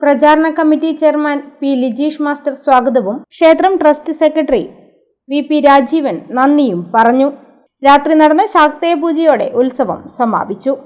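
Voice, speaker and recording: A woman giving a formal, even news voice-over report. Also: high voice, moderate pace.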